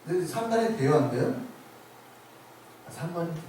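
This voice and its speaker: A man's voice: a little high, sing-song, moderate pace, darkish tone, very echoey, a little hiss or hum. A male pastor preaching a sermon emphatically, putting questions to the congregation, recorded from far off in a church sanctuary.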